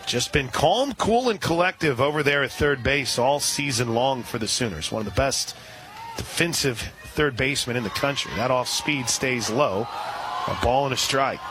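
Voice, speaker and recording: A man calls a college softball game on the radio at a normal speed, staying steady and informative and reading sponsor spots between pitches.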